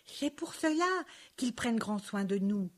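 A woman doing Joligrain, a bright curious little grape. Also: fairly high pitch, expressive, unhurried. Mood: gentle. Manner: wide-eyed, playful, joking.

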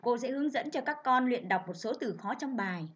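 A woman primary school teacher giving a reading lesson to children, reading clearly and measuredly. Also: a little high, expressive, a little fast.

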